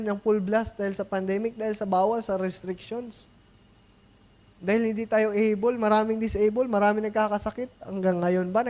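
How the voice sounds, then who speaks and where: A Filipino man preaching a sermon as pastor. He reads scripture aloud in English and then explains it in Tagalog, with conversational tag questions and quick asides. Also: high voice, a little mellow.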